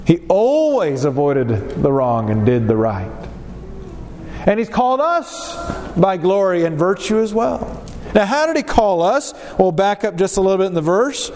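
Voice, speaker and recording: A man's voice: high-pitched, sing-song, a little slow, a little mellow. A man preaching a Bible lesson with a congested, pinched-nose sound from a cold, teaching emphatically with repetition and rhetorical questions. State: stuffed up with a cold. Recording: echoey hall, long reverb, faint background noise.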